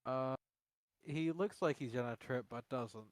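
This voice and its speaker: A man playing a tabletop game, making quick, quiet asides and questions to the game master. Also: medium pitch, dry recording, rough recording. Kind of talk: casual play chat.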